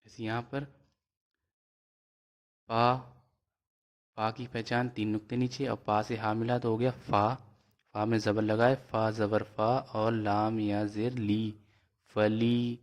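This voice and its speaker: Low, flat-voiced man spelling out letters. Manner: spells out letters and vowel marks slowly, then blends syllables. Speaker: teacher. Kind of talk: slow spelling-out reading lesson.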